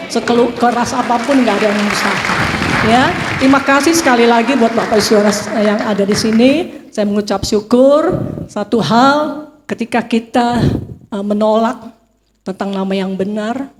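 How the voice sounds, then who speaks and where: Brief: middle-aged woman, high voice, emotional testimony in a reverberant church hall. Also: background noise. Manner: emotional, animated storytelling with acted quotes. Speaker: church member giving testimony.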